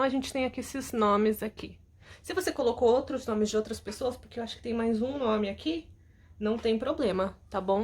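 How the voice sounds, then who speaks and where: A woman teacher recording a lesson at home, patiently going over homework answers and often checking with her students. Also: a little high. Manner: explains patiently, keeps asking "tá?".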